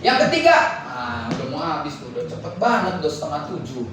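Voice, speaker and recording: A man's voice: fairly high pitch, big pitch swings, fast talker, creaky, a crowd in the background. A male pastor preaching a sermon, blunt and joking, talking straight to the congregation. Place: large church hall. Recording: echoey church hall, mic far off.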